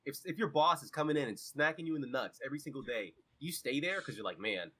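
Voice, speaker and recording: A man's voice: a little high, lively intonation, quick pace, bright, forceful tone, husky. A man co-hosting a casual gaming podcast, ranting sarcastically and swearing often. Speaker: podcast co-host.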